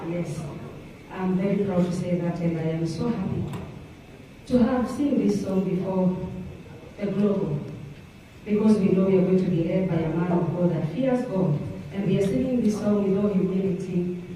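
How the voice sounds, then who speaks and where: A woman's voice: mid-range voice, normal speed, dark tone, a little hiss or hum. Kenyan gospel singer, woman, preachy and devout, heard from a distance with heavy echo. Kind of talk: religious address. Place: large echoey hall. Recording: echoey hall from far off.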